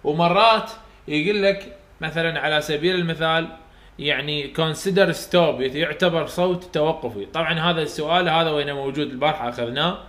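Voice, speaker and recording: Iraqi male lecturer, patient step-by-step explainer, fairly high voice, echoey classroom sound. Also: fairly quick, a bit bright. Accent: Iraqi Arabic. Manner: explains step by step, repeats sounds aloud for students to copy. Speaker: university English phonetics teacher. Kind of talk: recorded lecture for students.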